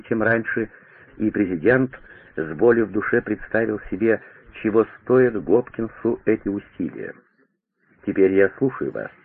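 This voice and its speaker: A man narrates a historical tale in a measured, dramatic storytelling manner. His voice sits low and husky. It comes through a thin, phone-like radio band. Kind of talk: audiobook narration. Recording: tinny radio broadcast.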